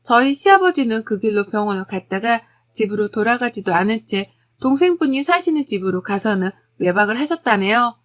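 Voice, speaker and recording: Story narrator, female, slightly high voice, gossipy and confiding, scripted read. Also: very animated, fairly quick, few pauses. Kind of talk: scripted first-person narration.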